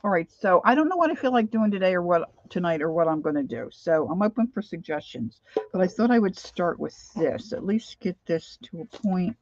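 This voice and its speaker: Muffled livestream audio; American woman, middle-aged, lowish voice, slight lisp from missing teeth, rambling, chatty host. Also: sing-song, fairly quick. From Pennsylvania, United States. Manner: rambling, chatty, addresses viewers by name. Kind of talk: casual livestream chat. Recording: dull, lo-fi sound.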